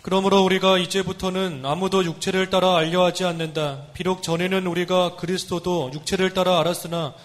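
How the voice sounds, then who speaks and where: A man reading a scripture passage aloud during a church service, in a steady, measured way. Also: sits high.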